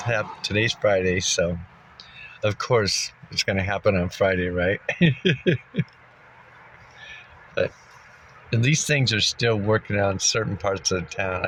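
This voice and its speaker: A vlogger with a very low, slightly bright voice takes his time in a rambling casual monologue, pausing often and thinking aloud through ums and restarts. Dust has him congested and coughing, clearing his throat at times. He's sitting somewhere dusty, maybe a car, and the audio is poor, with faint ambience and slight background noise.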